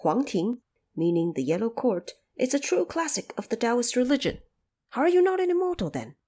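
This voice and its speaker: Audio drama monkey king played by a woman: eager, cheeky, pitched up high, wildly swooping, firing insistent questions. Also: sing-song, normal speed, warm tone. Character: eager, cheeky young-sounding male Monkey King seeking immortality.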